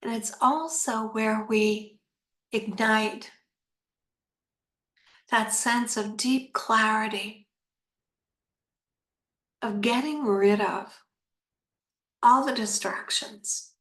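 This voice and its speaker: A woman leading a guided meditation talk in a soothing, unhurried manner with long pauses. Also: a little high, steady tone, fairly bright tone, echoey room.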